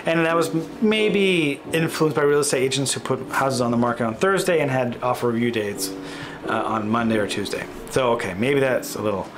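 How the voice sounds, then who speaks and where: A man's voice: medium pitch, brisk, music in the background. A man in his thirties, a real estate agent, giving a casual screen-share market update, thinking aloud with fillers and self-corrections.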